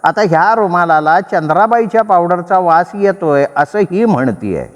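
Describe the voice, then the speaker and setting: A man voicing a flustered middle-aged husband who speaks in a hushed, anxious, pleading way. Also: high voice, lively intonation, normal speed, voice pushed up. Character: flustered middle-aged henpecked office clerk. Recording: long reverb.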